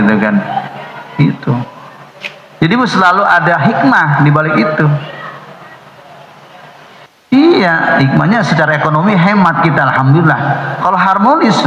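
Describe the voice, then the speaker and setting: A middle-aged man preaching a Ramadan dawn sermon, joking and acting out little dialogues. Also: fairly high pitch. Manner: joking, storytelling, acts out dialogue. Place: mosque hall. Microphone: recorded off a loudspeaker upstairs. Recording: muffled echoey loudspeaker recording. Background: children's noise.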